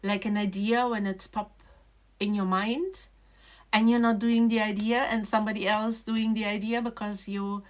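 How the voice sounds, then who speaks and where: Halting woman vlogging. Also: level tone. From Trinidad and Tobago. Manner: halting, repeats and restarts phrases, voice dropping soft and low. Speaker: children's book author and illustrator. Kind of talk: casual emotional vlog talk.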